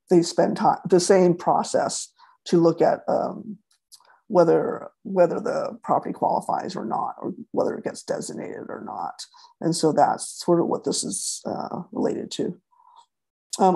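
Woman doing a slide webinar on a video call, husky mellow voice, lots of ums and restarts. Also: lowish voice. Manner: hesitant, many fillers and restarts. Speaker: preservation advocacy presenter.

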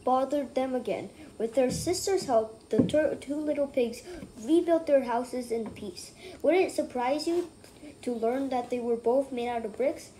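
High-voiced woman reading a children's story. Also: mellow, a little hiss or hum, rough recording. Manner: reads with small slips and restarts.

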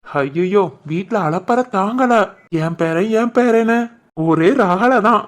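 A young husband in an animated family tale, played by a woman, talks at a plain middle pitch with a southern Tamil lilt from the Tirunelveli area. He is relaxed and affectionate with his wife. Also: slow, lightly acted. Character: young husband and new father, loving.

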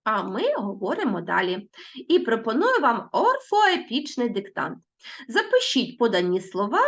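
A woman teacher giving a recorded lesson to schoolchildren, slowly spelling out sounds and words. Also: mid-range voice, creaky, muffled recording.

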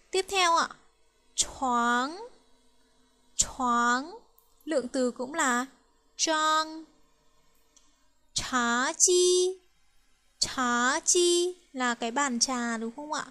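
A woman teaching Chinese with a Vietnamese accent, counting strokes aloud and drilling words slowly and carefully. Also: sits high, a bit bright. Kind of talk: slow, careful language lesson.

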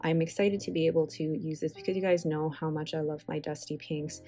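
Fairly quick and steady in tone, this woman's voice sits low and dark. She is of Filipino heritage and hosts a stationery channel, chatting with enthusiasm and rambling asides in a casual voice-over recorded separately while swatching inks, over soft background music.

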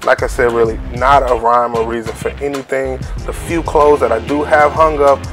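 A man from Cleveland in his thirties giving a relaxed, chatty closet-tour vlog narration at home. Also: mid-range voice, moderate pace, soft background music. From Cleveland, Ohio. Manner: relaxed, chatty, uses lots of fillers like "so yeah" and "like". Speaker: family vlogger.

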